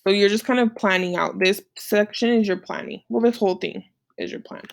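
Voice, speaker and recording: Her voice is medium-pitched, gravelly, and fairly even, delivered briskly over slight background noise. In an informal screen-share lesson, she talks students through an assignment on slides, regularly checking in with short tag questions.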